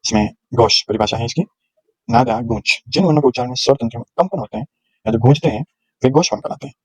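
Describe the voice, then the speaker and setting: Man slowly sounding out letters in a lesson. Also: mid-range voice, a little mellow, husky, no room sound, rough recording. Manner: slow and explanatory, sounding out letters one by one. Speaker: teacher. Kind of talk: classroom lecture on grammar.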